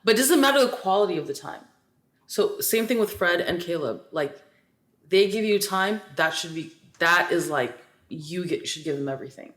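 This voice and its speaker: A woman co-hosting a podcast, telling stories in casual, animated chat with lots of filler words. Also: lowish voice, moderate pace. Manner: chatty, animated storytelling with many "like" fillers. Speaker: podcast co-host. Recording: roomy echo.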